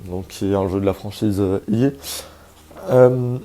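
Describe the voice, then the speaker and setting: A man's voice: lowish voice, measured pace, warm tone. A man hosting a casual video, chatty and hesitant with many fillers and joking asides, over faint background music. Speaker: YouTube host presenting a game character.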